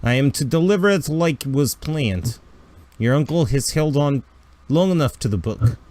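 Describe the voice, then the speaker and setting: Tabletop game character: a man acting out a shady smuggler businessman with a medium-pitched voice. He is brusque and impatient, dropping little words and speaking in clipped, broken English. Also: expressive, moderate pace, darkish tone, dry recording, close to an everyday voice. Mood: guarded, stern.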